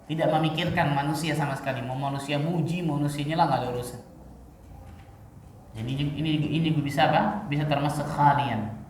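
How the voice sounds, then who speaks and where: A man preaching a sermon in a lively teaching manner, full of rhetorical questions and casual asides. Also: fairly high pitch, brisk, a little hiss or hum. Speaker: Islamic preacher. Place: mosque. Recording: echoey hall, mic far off.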